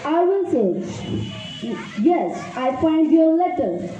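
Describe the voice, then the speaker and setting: A female student performer recites simple, scripted puppet-show dialogue in a rehearsed way, her voice high, sing-song and dark-toned, taking it slowly. The recording is muffled and very echoey, in a noisy room with chatter.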